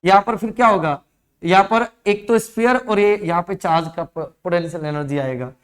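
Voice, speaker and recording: A man's voice: high-pitched, normal speed. A male physics teacher with an Indian accent, explaining exam problems step by step in an online lesson and checking often whether his students follow.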